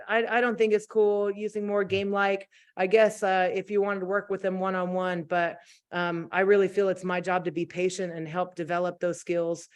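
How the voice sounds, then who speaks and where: A woman who teaches middle school choir, a guest on a video call, talking in an animated, playful way. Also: on the low side. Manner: animated, playful, laughs often. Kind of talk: casual video-call chat.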